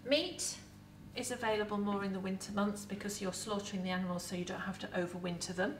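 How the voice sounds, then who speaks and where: On an indoor set, a costumed middle-aged woman with an English accent, working as a museum educator, chats lively to camera about food and shows props. She talks fast in a mid-range voice. A little hiss or hum accompanies the distant, roomy-echo recording.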